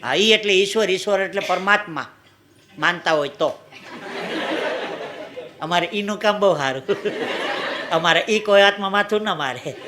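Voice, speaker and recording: A man with a Kathiawadi Gujarati accent performing a folk stand-up routine on stage, telling stories and breaking into sung lines and shouted impressions. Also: sits high, moderate pace, long pauses. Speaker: stand-up comedian. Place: stage before a live audience. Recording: live show with loud crowd laughter and noise.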